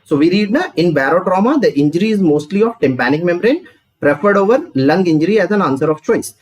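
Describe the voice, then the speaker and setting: A man's voice: high voice, lively intonation, fast. A man with a North Indian accent teaching an exam review class, posing questions and answering them in a didactic way. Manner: didactic, asks questions and answers them, repeats key points; mixes Hindi phrases into English. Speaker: medical lecturer. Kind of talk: exam review lecture, live online class.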